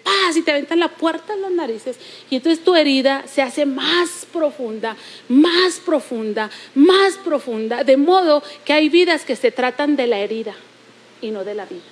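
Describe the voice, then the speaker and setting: A woman with a Mexican accent preaching a sermon, repeating phrases and slowing down to stress her points. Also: high-pitched.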